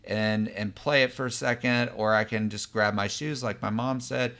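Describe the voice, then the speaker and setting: A man's voice: on the low side, fairly even intonation, normal speed, a bit bright. A man voicing a distractible young boy who talks himself out of a chore and then defends himself. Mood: tempted, rambling.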